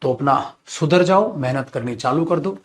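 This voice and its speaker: A man's voice: fairly high pitch, moderate pace. A man teaching an English grammar class in Hindi, calling students "beta" and acting out angry scolding examples. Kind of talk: live online grammar class.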